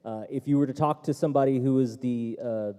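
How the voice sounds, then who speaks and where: A man's voice: mid-range voice, steady tone, brisk, warm tone, clear, resonant tone. A man answering tech questions at a seminar, talking casually with many fillers and restarts. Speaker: tech expert panelist. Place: seminar hall. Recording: echoey hall.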